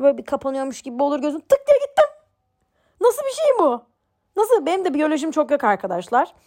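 Chatty young woman telling a story. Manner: chatty and animated, mocks herself, swings in pitch. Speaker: podcast host. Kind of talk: casual storytelling monologue.

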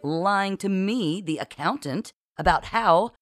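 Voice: medium pitch, expressive, slow pace, fairly bright tone, voice pushed up. A storybook reader voicing Marcy, a scheming woman accountant who leads a mutiny and talks in breezy corporate euphemisms. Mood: accusing.

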